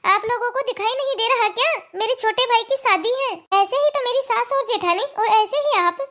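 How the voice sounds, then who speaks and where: A woman voicing a spoiled, indignant young married woman in a cartoon, complaining with sharp retorts and scoffing laughs. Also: extremely high pitch, normal speed. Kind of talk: cartoon voice acting.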